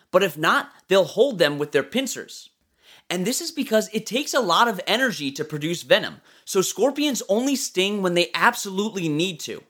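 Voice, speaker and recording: This is a nature documentary style narration from an educational presenter with a very animated, mid-range voice. The delivery is explanatory and informal, speaking straight to the listener, with plenty of movement in the intonation. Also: mid-range voice.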